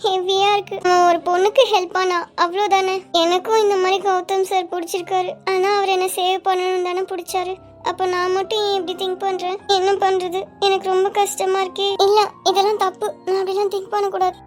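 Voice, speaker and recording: A bright, very high-pitched young woman in a cartoon, chatty and quick to feel hurt, muttering her thoughts aloud. Her voice rides over a light music bed. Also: little pitch movement. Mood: troubled. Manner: chatty, talks to herself. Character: young woman Anu, cheerful but easily hurt. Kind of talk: animated series voice acting.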